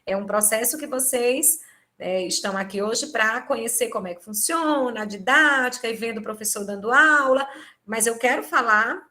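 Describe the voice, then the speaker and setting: A woman with a Brazilian Portuguese accent teaches a live online exam-prep class over a video conference from a home or office, using a computer microphone. She explains things step by step and checks in with tag questions. Her voice is a little high and sharp, at a moderate pace.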